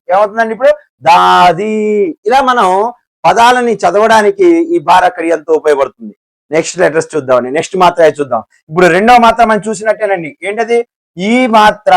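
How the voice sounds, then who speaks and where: High-voiced Telugu-accented teacher. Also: male voice, no room sound. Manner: repeats each syllable, asks and answers himself. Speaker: Hindi teacher. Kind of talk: classroom lesson.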